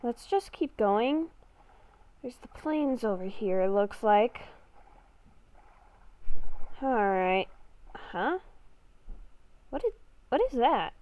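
A gamer playing a roleplay character, a woman improvises in-character narration, thinking aloud and repeating her phrases. Her slightly high, darkish voice swings widely in pitch, moving slowly with long pauses; there's no room sound, and the lo-fi microphone sounds dull.

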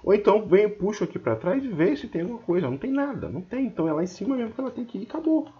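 Very fast and very animated, this high-voiced man teaches trading over a casual screen share, his Brazilian Portuguese accent coming through as he chats colloquially, jokes with viewers and scolds them. The highs in the recording are cut off.

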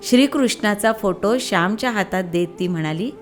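A woman narrating a storybook tale for children in a slow, expressive storytelling manner. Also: medium pitch, soft background music.

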